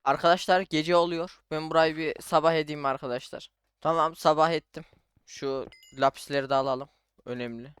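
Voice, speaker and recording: Young male gaming YouTuber, relaxed running commentary, a touch high, clean and close-miked. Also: moderate pace, smooth, dry recording. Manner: chatty, talks to himself while playing, says "abi" and "arkadaşlar" often. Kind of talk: casual Minecraft let's play commentary.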